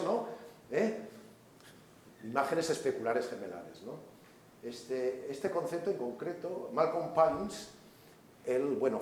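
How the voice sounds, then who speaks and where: Man lecturing, strong hall echo. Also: on the high side. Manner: explanatory, tag questions, acts out quoted voices. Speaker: seminar speaker and author. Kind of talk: seminar lecture. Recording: very echoey hall recording.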